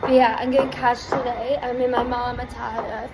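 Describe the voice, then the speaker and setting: A woman's voice: on the high side, flat delivery, moderate pace, creaky. A young British woman chatting casually to her vlog in a playful, sweary, giggly way. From Britain. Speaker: vlogger. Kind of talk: casual excited vlog chat. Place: outdoors in city streets. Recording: noisy outdoor street, crowd and traffic. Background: crowd, traffic, urban ambience.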